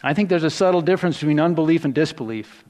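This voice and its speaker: A man delivers a sermon in an easy, conversational way, with a voice pitched a little high. He turns reflective and drops softer when he quotes scripture lines. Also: quick pace. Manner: conversational, reflective preaching with soft dips for quoted words. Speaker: preacher.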